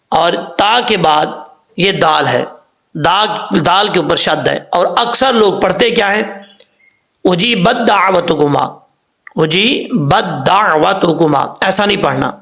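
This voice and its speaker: A man with a Pakistani accent teaches Quran recitation, explaining things quickly and then slowly drawing out recited words and spellings. His voice is on the high side, bright and forceful.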